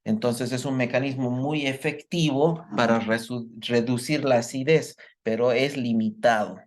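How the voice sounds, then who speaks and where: A man delivers a medical lecture in a live online workshop, explaining things step by step and checking that his students are keeping up. His voice is medium-pitched, steady in tone and unhurried.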